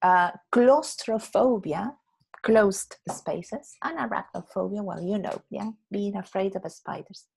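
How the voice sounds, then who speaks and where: Patient woman teacher with a gravelly voice. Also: medium pitch, a little mellow, rough recording. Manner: patient, explains slowly, checks understanding with "yeah?". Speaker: English teacher. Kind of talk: online English lesson.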